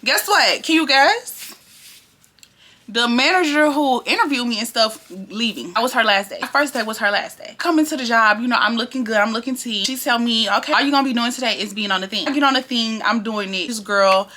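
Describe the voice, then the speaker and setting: Young woman vlogger, high-ish clear bright voice, sassy slangy storytime talking straight to viewers. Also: animated, moderate pace. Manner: chatty, sassy, slangy, addresses viewers directly. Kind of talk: casual storytime monologue. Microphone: on-camera mic.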